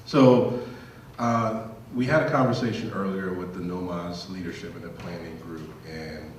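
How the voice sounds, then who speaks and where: Man, deep voice, from Liberia, symposium speaker, casual self-deprecating, roomy hall echo, faint hiss. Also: fairly even intonation, moderate pace. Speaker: panel speaker. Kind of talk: symposium talk. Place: lecture hall. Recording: echoey hall, distant mic.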